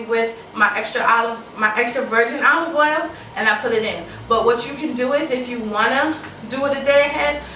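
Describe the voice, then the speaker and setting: A woman hosts her own cooking show, chatting casually while she mixes and tastes food in a home kitchen, repeating herself often and talking with her mouth full. Her voice is fairly high with a sharp tone, picked up by a distant mic in an echoey kitchen with clattering dishes and slight background noise.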